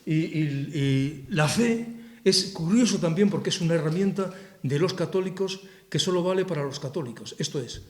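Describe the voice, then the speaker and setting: A man's voice: on the high side, moderate pace, darkish tone. A man with a Castilian Spanish accent presenting his book to an audience in a hall, talking in a forthright, sarcastic and impassioned way. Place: cultural society hall with audience. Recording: roomy hall echo.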